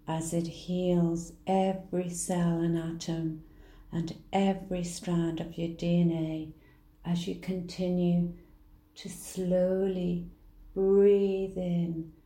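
A woman leading a guided healing meditation in a soft, soothing manner. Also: on the low side, level tone. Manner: soft, slow, soothing delivery. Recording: roomy echo.

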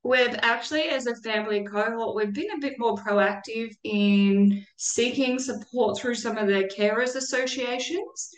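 A woman's voice: a little high, unhurried, few pauses. A woman talks earnestly and reflectively as an interview guest. Her voice has a roomy echo around it. She sounds sincere and thoughtful as she speaks. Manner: earnest and reflective, with occasional laughs. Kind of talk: conversational interview.

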